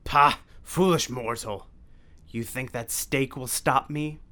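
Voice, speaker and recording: A man's voice: medium pitch, takes it slowly, pushed and bright. A man voicing a menacing, theatrical male vampire count who sneers and mocks. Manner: sneering, mocking, grandiose.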